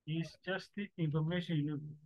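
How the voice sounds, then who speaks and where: With a fairly high pitch and steady tone, this male forex teacher, a native Somali speaker, works haltingly through an informal lesson in broken English, repeating phrases. The lo-fi recording is dry, slightly dull and echo-free.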